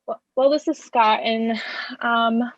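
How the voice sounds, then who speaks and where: A woman interpreting live for a deaf panelist on a video call, speaking his signed words aloud in first person with halting self-corrections. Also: on the high side, fairly even intonation, no echo, dull audio. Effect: interpreter's voice-over of a deaf speaker's signing. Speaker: sign language interpreter voicing a deaf panelist.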